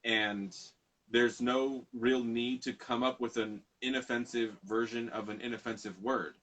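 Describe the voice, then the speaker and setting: A man's voice: medium pitch, fairly even intonation, a little slow, a bit bright, low-quality recording. A man hosting a casual conversation, rambling and often correcting himself mid-sentence. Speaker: podcast host.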